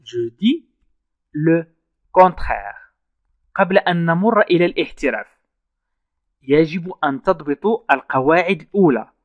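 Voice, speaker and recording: Man slowly teaching French verbs. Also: a little high, expressive, no echo, highs cut off. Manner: slow, repeats French phrases word by word. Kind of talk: online language lesson.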